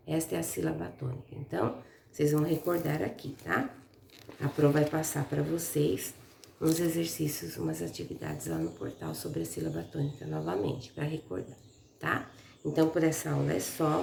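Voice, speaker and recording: Gravelly Brazilian woman teaching. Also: low-pitched, darkish tone. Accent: Brazilian Portuguese. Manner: patient, explains step by step, often checks with "tá?". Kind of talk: online school lesson. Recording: echoey room with faint noise.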